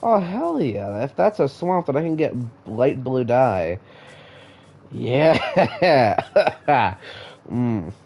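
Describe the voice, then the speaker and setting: A man talks to his live chat while he plays, sounding a bit sick. His voice is mellow and his delivery unhurried. He often trips over his words and repeats them. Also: mid-range voice, sing-song, vocal fry, a little hiss or hum. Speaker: live-streamer playing a block-building game. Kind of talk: casual live-stream commentary.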